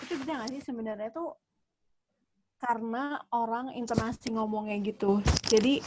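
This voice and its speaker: Girl asking a question in a youth group, highish voice, casual, drops english words in. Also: fairly even intonation, moderate pace, noisy background. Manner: casual, mixes in English phrases. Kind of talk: casual chat.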